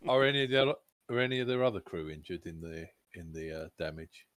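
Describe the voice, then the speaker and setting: A man's voice: deep voice, expressive, fast talker, a bit bright, no room sound. A man chatting casually as a tabletop game player, describing what his character says and does.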